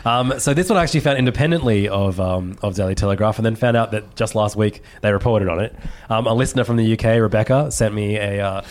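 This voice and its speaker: A man's voice: on the low side, quick pace, hardly any pauses, darkish tone. Wry Australian man hosting a podcast. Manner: wry, swears casually. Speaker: podcast host. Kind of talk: casual chat.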